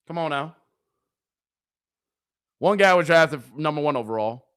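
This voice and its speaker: Hoarse from yelling, a man hosts a live watch-party stream, talking animatedly to his chat and repeating catchphrases. His voice is fairly high with lively intonation, and he keeps a moderate pace.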